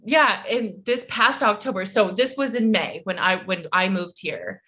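A woman's voice: medium pitch, animated, a little slow, a bit bright. A woman, telling a story in casual chat as a podcast co-host, full of fillers and swearing.

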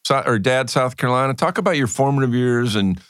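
A man hosting a casual interview, chatty and quick to chime in. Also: mid-range voice, lively intonation, a bit bright, clear, resonant tone, no echo, clean studio sound. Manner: chatty, eager backchannels. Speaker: podcast host.

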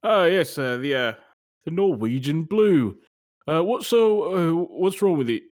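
A man's voice: on the high side, expressive, unhurried, darkish tone. A man voicing an evasive English pet shop owner, stammering and insisting in a put-on British accent.

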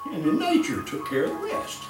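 In a live stage performance of old-time radio horror, an actor uses a high voice with huge pitch swings at a moderate pace. He plays a gleeful, sinister old male killer, stammering and chuckling with mock courtesy, and the recording sounds roomy and distant, with music.

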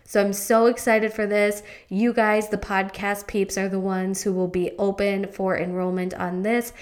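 A young adult woman hosting her own podcast, talking in a chatty, rambling, upbeat way into a studio mic. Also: medium pitch. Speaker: podcast host and fitness coach. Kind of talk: casual podcast chat.

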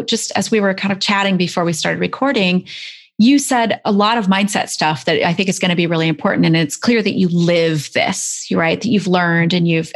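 A woman in her forties hosting a podcast as an executive coach, enthusiastic and effusive in her introductions and questions. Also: on the low side. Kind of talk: upbeat podcast interview.

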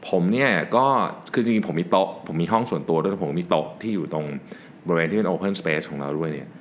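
Low-voiced guy chatting about work habits, laid back, sprinkles english terms, bit of faint hiss behind. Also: a little fast. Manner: relaxed, explains with many English work terms. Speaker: podcast host and business owner. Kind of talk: casual solo business talk.

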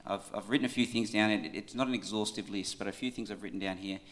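An Australian man giving an informal church tribute in a halting, conversational way, often checking in with his listeners. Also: on the low side, steady tone, fairly bright tone.

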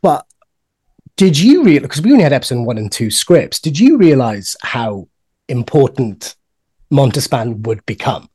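A man's voice: mid-range voice, sing-song, unhurried, dark tone, breathy edge. A man co-hosting a podcast, telling long rambling anecdotes in casual chat. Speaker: podcast co-host.

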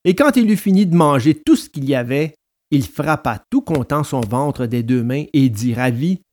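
Lively male storybook narrator. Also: medium pitch, normal speed. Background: soft guitar music.

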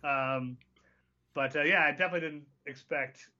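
A man's voice: fairly high pitch, moderate pace, pushed and bright, lo-fi sound. A man under forty-two chatting casually about sports as a podcast panelist.

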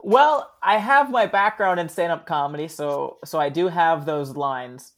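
Guesting on an interview, a male sketch comedian tells laid-back stories loaded with fillers and laughs a lot along the way. His voice runs on the high side, and he keeps a measured pace.

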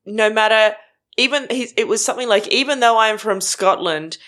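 Bright-voiced woman, chatty podcast guest. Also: fairly high pitch, moderate pace. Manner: chatty and giggly, joking. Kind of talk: casual chat.

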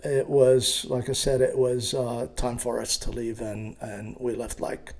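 A man in his sixties from Iraq, telling his life story in an interview with a hesitant, halting manner and many fillers. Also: medium pitch, little pitch movement, darkish tone. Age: 60s. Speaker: guest.

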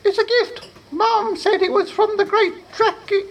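A man's voice: very high-pitched, fairly even intonation, a little slow, pitched above the performer's own voice. A man voicing a timid, sniveling three-eyed young male apprentice sorcerer. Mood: nervous. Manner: sniveling, anxious.

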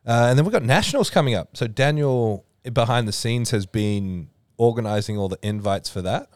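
A man's voice: mid-range voice, moderate pace, dry recording, clean studio sound. A man hosting a podcast, chatting casually with many fillers. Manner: relaxed, explains at length with many fillers. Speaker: podcast host, powerlifting organiser. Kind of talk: casual chat.

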